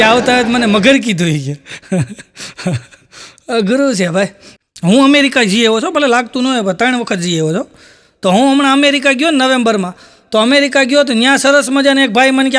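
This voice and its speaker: A stand-up comedian, male, spins Gujarati folk jokes, wandering from story to story and voicing each quoted character himself. The voice is very high, with a bit of brightness.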